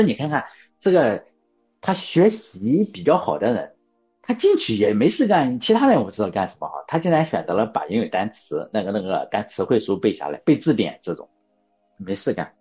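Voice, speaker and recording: A man's voice: fairly low pitch, sing-song, quick pace, darkish tone. A man hosting a casual chat, often repeating his words and phrases as he goes. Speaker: host of a casual talk show. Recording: dull lo-fi audio, faint music behind.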